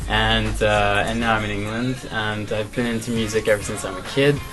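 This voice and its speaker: A young man from Canada, a singer, answering interview questions in a relaxed, thoughtful way with many fillers. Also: lowish voice, moderate pace, music in the background. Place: music studio, indoors.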